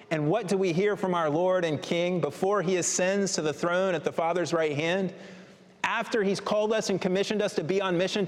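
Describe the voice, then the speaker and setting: A man preaching a sermon as pastor, earnest with rising emphatic exhortations. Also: a little high. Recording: long hall reverb.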